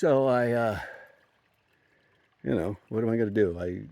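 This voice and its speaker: A man's voice: lowish voice, a little slow, darkish tone. A man casually telling a story on a hiking vlog, rambling and chuckling, with frequent restarts, outdoors on a mountain trail. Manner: rambling, chuckling, self-correcting. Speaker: thru-hiker vlogger.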